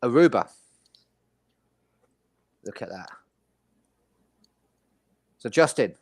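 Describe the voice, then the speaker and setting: A man's voice: medium pitch, very animated, drawn-out words, vocal fry, a little mellow, breathy edge, no room sound. A man hosting a casual travel chat, reading out details and handing over to his guests. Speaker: host. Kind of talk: casual presenting.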